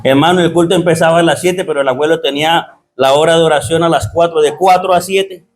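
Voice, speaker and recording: A Colombian pastor with a Santander Spanish accent gives his testimony to a church congregation, talking fast in a fairly high, steady voice. His fervent preaching often breaks into shouting, and he keeps calling listeners "brother." There's a little hiss or hum.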